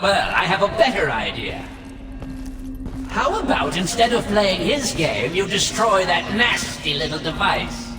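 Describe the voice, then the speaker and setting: Professor Calvert, echoing high-pitched pompous villain. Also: male voice, big pitch swings, measured pace, crowd noise. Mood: smug scheming. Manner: pompous, theatrical, condescending. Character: megalomaniac disembodied villain professor, pompous and scheming. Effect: reverberant disembodied voice. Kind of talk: video game villain dialogue. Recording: echoey, long reverb, distant, music behind.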